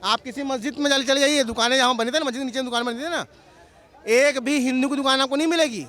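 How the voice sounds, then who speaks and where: A man's voice: very high-pitched, fairly even intonation, fast, sharp tone, a faint crowd. A man outdoors in a street interview, arguing his point and appealing to listeners. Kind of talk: heated street vox pop.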